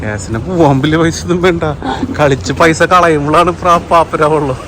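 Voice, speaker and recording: A man's voice: fairly high pitch, a little fast. A man guiding companions in a casual outdoor vlog, mixing English words into Malayalam and often checking with questions. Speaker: vlog guide. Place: outdoors at a seaside fort. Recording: noisy outdoor audio, vehicles, chatter.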